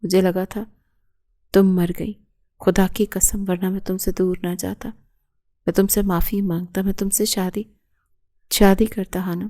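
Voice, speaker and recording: A woman's voice: mid-range voice, little pitch movement, pauses often, warm tone, natural voice. Woman reading as a remorseful pleading young man.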